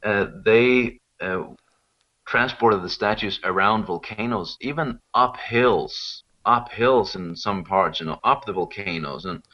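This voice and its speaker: A Swedish man with a fairly low, unhurried voice and a bright, forceful tone explains things casually as an interview guest, often checking in with "you know". He's a local expert on Rapa Nui, and the audio is dull and lo-fi, like a phone call.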